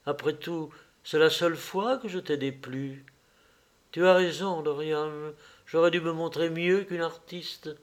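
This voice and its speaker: A man voicing a heartbroken young actress who pleads with her lover in a soft, tearful voice, in a read-aloud novel. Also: a little high, measured pace, pitched above the performer's own voice, lightly acted. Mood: tearful pleading.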